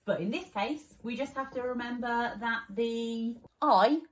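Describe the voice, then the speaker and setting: A woman's voice: fairly high pitch, a little slow. A young woman teaching a children's spelling lesson, patient and encouraging, explaining each word step by step.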